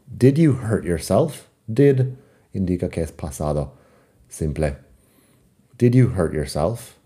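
Slow, very dark-voiced male teacher. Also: deep voice. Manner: patient, methodical explaining with worked examples. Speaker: language teacher. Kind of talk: recorded lesson.

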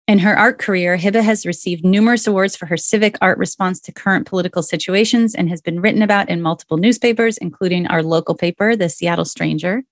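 A woman's voice: lowish voice, quick pace, hardly any pauses, no room sound, clean studio sound. A woman hosting a health podcast, effusive and enthusiastic as she introduces and questions her guest. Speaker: podcast host, nurse practitioner.

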